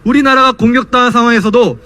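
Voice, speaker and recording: A young man delivers a student's political rally speech. His voice is strikingly high and has a forceful, sharp edge. He declaims with passion, in the rhetorical manner of a protest orator. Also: fast talker. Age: young adult. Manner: impassioned, declamatory rhetorical questions.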